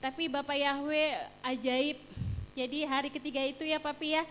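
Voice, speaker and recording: A woman's voice: sits high, flat delivery, moderate pace, fairly bright tone, a little hiss or hum. A woman telling a chatty testimony at a church service, acting out the dialogue she recounts and sprinkling in casual fillers and exclamations. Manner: chatty storytelling, acts out quoted dialogue. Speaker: church member giving a testimony.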